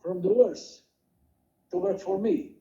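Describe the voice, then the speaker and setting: An older man recounting his working life in a rambling, halting way, with many restarts and quoted dialogue. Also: high-pitched, mellow. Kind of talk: rambling personal storytelling. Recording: dull lo-fi home recording.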